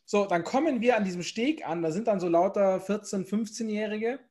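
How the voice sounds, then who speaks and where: A man's voice: high-pitched, fairly quick, a little mellow. A man chatting casually on a podcast, rambling with lots of fillers and restarts. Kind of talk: casual chat.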